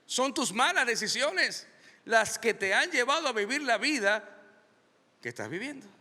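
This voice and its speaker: A male pastor preaching a sermon, stressing key lines by slowing down and raising his voice. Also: very high-pitched, big pitch swings, sharp tone, big-room sound. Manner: emphatic preaching, slows and rises on key lines.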